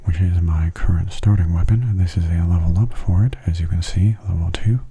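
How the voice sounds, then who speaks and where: Close to a mono mic, this man narrates gameplay for an ASMR video in a hush, relaxed and in no hurry. What you hear is a breathy, husky, low voice kept soft throughout.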